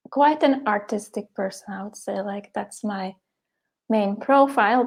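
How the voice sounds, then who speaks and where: Hungarian-born woman, gravelly and chatty. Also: medium pitch. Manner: laughs often, relaxed and chatty. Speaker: poet and guest. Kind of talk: casual interview chat.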